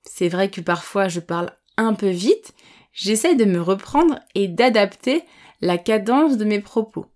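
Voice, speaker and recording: A woman teaching a vocabulary lesson, slowly and distinctly explaining each word with everyday examples. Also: mid-range voice, expressive, a little mellow. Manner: patient, clear explanations with examples; speaks slowly and distinctly on purpose. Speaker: French language teacher.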